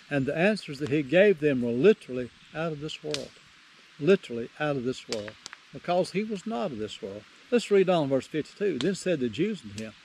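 A man's voice: on the high side, a little mellow, slight background noise, rough recording. A man teaching through the Bible verse by verse, folksy, repeating phrases for emphasis and reading scripture aloud.

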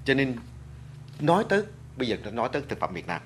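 A man talks as a talk-show guest, his pitch rising and falling with lively swings as he lectures. He speaks earnestly and addresses the audience directly. He often restarts his sentences around filler words. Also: quick pace, a little hiss or hum. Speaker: guest speaker on food and culture. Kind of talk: studio talk show discussion.

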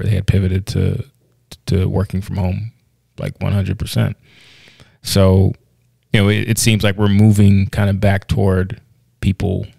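A man co-hosts a podcast in casual conversation, chatty and quick to laugh, full of fillers and restarted sentences. His voice is fairly low and a little mellow, with vocal fry. The recording is dry.

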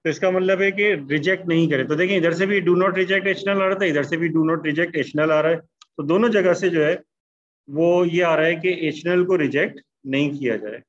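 A man with a voice on the high side teaches statistics online, slowly dictating sentences word by word as he writes them. The recording is muffled.

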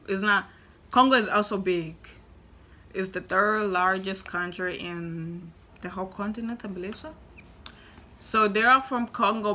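In a small indoor room, a chatty Tanzanian woman vlogger whose first language is Swahili talks casually to the camera. Her bright, mid-range voice is animated, and she repeats herself for emphasis.

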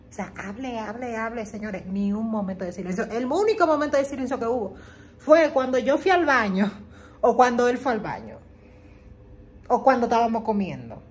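A woman's voice: fairly high pitch, animated, moderate pace. A woman travel vlogger telling a story casually to the camera, emphatic and repeating words for effect, laughing often.

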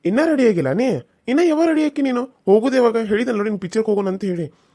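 A woman's voice: a little high, animated, fast, mellow, voice pushed down. A woman with a North Karnataka accent voicing an impatient young village husband in a cartoon serial, hurrying his wife along. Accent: North Karnataka Kannada.

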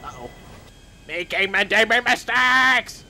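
A man voicing a dim-witted, excitable caveman who talks about himself in the third person while commenting on gameplay. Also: high-pitched, unhurried, a little hiss or hum, pitched above the performer's own voice, full character voice. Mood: goofy. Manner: broken caveman grammar, third person, sudden yelps. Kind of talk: playful game commentary in character.

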